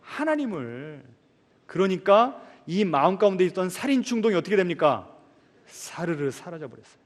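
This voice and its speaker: High-voiced pastor in a reverberant church. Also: male voice, very animated, moderate pace. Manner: asks the congregation questions and answers them himself; swings sharply between loud emphasis and soft asides. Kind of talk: sermon. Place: large church sanctuary. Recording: long reverb of a large church hall.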